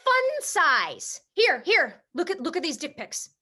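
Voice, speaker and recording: A woman playing a heartbroken, sharp-tongued young sports reporter in a comedy play reading over a video call, swinging into emotional, sarcastic outbursts. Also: on the high side, animated, normal speed. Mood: mocking.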